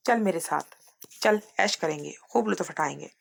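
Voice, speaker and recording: A woman's voice: on the low side, moderate pace, gravelly. A woman voicing a brash teenage boy coaxing his friend in a spoken story.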